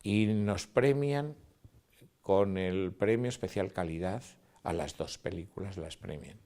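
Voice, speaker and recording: A man's voice: sits low, measured pace, mellow. An older man, a cinematographer telling stories in an interview, acting out dialogue and sounds. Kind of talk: interview reminiscence.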